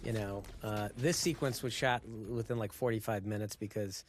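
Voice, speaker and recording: A man, a director, talking through his choices in a DVD commentary, measured and thinking aloud. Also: lowish voice, fairly even intonation, a little hiss or hum. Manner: measured, thinking aloud with many "you know"s.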